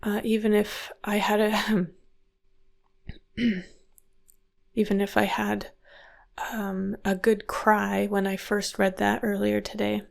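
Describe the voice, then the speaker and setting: A woman in a reflective personal vlog, speaking in a halting, hesitant and emotional way. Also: mid-range voice, flat delivery, vocal fry. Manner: halting, hesitant, with many fillers; emotional, soft-spoken. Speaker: host.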